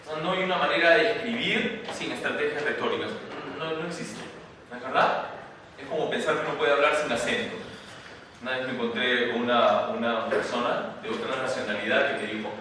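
A man's voice: medium pitch, brisk, sharp tone, slight background noise. A man giving a university lecture in a conversational way, often tagging questions to his students. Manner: conversational, rhetorical tag questions. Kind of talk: classroom lecture. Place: classroom. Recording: echoey room, distant mic.

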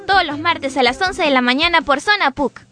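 A woman reading radio promos in a bright, chirpy way. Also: high voice, fairly quick, over loud music. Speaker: promo announcer.

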